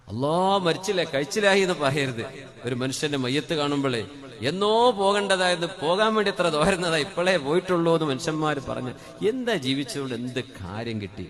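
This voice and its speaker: A man with a Malayali accent giving a sermon into a microphone, chanting Arabic phrases in a sung tone and then explaining them in plain speech. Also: mid-range voice. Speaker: preacher.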